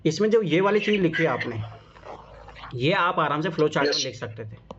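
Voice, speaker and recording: A man's voice: fairly high pitch, lively intonation, fairly quick. Casual Hindi-speaking male exam coach. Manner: repeats reminders, casual and encouraging. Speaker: exam coach reviewing answer copies. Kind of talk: informal coaching talk. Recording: muffled lo-fi sound with clear background noise.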